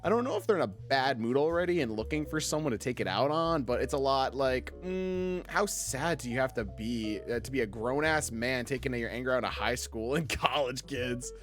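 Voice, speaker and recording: Animated young man chatting on stream. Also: mid-range voice, normal speed, hardly any pauses, faint music behind. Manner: animated, swears freely, lots of fillers. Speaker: streamer reading stories. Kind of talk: casual stream chat.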